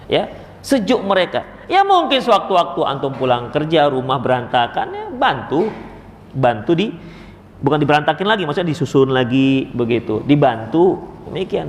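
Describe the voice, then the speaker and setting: A male preacher with a high, lively voice that swings widely as he acts out little scenes from family life. His sermon rings through a large, echoey hall with a long reverb tail. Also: a little fast, a little hiss or hum. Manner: animated storytelling, acts out family members in quoted voices.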